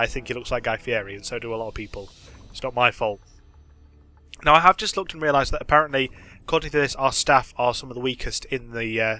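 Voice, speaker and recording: A man's voice: mid-range voice, pushed and bright. A young man casually commenting on a racing management game, chatty and thinking aloud with plenty of fillers. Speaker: gaming channel host.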